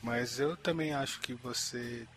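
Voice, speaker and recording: A man's voice: medium pitch, a little slow, a bit bright, faint music behind. A young man, giving his opinions in a rambling, slangy way as a podcast co-host. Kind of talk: casual chat.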